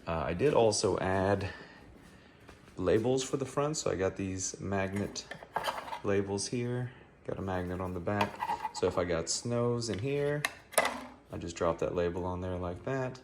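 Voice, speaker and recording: A man's voice: sits low, measured pace. A man casually explaining a DIY project step by step as a hobbyist maker. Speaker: hobbyist maker and vendor showing a DIY build. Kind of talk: casual spoken build walkthrough. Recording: clear background noise.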